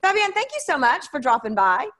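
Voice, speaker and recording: A woman hosting a casual interview, effusive in her talk and quick to joke about herself. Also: high-pitched, big pitch swings, sharp tone. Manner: effusive, self-joking. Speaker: show host.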